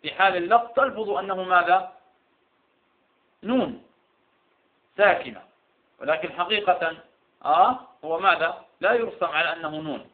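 A man's voice: high-pitched, moderate pace, pauses often. A man teaching Quran recitation rules, who keeps asking questions and answering them himself. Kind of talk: classroom lesson. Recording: tinny phone-like sound.

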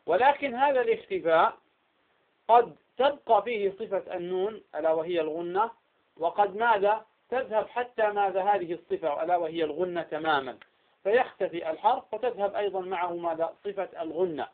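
High-voiced man teaching over a tinny line. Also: brisk. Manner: keeps asking quiz questions and answering them himself. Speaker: Quran recitation teacher. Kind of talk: tajweed lesson.

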